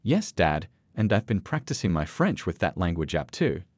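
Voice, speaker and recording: A man voicing an excited, patient nineteen-year-old girl in a read story. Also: sits low, moderate pace, dry recording, studio quality. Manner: light, patient.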